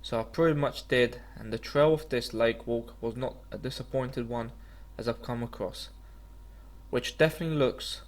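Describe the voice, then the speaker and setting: A man reading a scripted travel documentary voice-over in an earnest, slightly stumbling way. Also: medium pitch. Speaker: vlogger narrating a walking trip.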